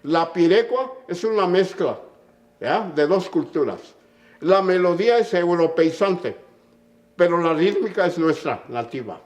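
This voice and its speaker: A man's voice: sits high, lively intonation, unhurried. An older man with a Mexican accent, a conductor telling stories and lecturing in an emphatic way, often checking in with a short "mm?". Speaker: conductor and musician. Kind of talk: anecdotal storytelling in an interview.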